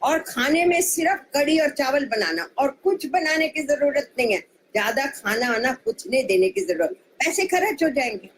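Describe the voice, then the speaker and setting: Stingy merchant man, voiced by a woman, fussy, penny-pinching, high voice. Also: animated, normal speed, a little hiss or hum, rough recording. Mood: instructing.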